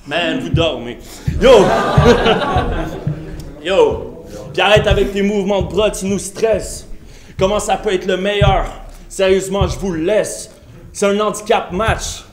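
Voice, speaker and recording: A man's voice: high-pitched, steady tone, moderate pace, reverberant. A man with a Québécois accent spitting taunting a cappella rap battle verses, throwing punchy insults mixed with English slang at an opponent in an indoor venue. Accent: Québécois French. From Quebec. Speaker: battle rapper.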